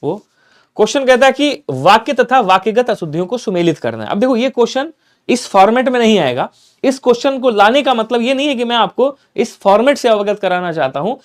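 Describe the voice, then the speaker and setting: A man with a high voice leads a live online class for exam takers. He talks through each grammar question emphatically and repeats the key points. He keeps checking that his students are following along. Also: very animated, brisk. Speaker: exam prep teacher.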